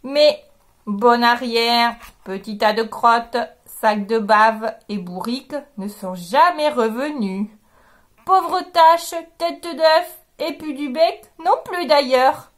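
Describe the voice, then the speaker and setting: Lady reading a kids book out loud, slow, high, very expressive. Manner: expressive, drawn-out storytelling. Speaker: reading workshop host. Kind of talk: reading a children's picture book aloud.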